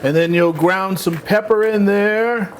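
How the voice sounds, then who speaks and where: A man's voice: high-pitched, measured pace, a little hiss or hum. A man hosting his own cooking show, walking through a recipe step by step with playful, jokey asides. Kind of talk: casual cooking demonstration.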